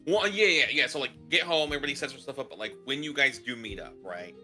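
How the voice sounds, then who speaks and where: A man's voice: medium pitch, quick pace, music in the background. A man acting as game master on a streamed tabletop game, talking casually with lots of fillers. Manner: casual, filler-heavy, thinking aloud.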